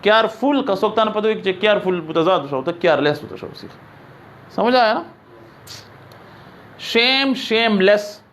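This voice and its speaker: A man teaching an English grammar lesson, reading example sentences slowly and often checking that his students understand. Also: high voice, expressive, a bit bright, slight background noise. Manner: explains in Urdu, reads English examples slowly.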